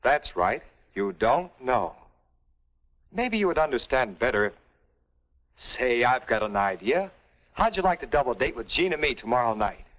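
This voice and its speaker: An actor playing a cocky young American older brother in a stagy 1950s educational film, with an emphatic, lecturing way of talking. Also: male voice, mid-range voice, big pitch swings, moderate pace, fairly bright tone. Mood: conciliatory, knowing. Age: young adult. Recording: dull old film soundtrack.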